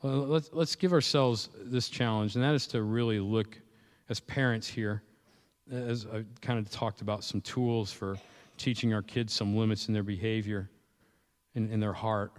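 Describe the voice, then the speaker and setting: A man's voice: lowish voice, fairly even intonation, moderate pace. A man preaching a sermon as pastor, conversational, with frequent restarts and repeated words. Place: church. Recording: echoey church hall.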